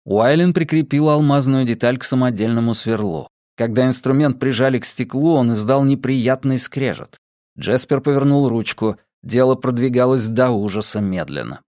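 Male audiobook narrator, mid-pitched voice, measured storytelling, dry close sound. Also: a little mellow, no room sound. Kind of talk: scripted narration.

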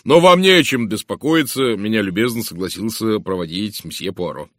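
A man voicing a brisk, hearty middle-aged police inspector who talks loudly and with energy. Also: lowish voice, lively intonation, no echo, studio quality, natural voice.

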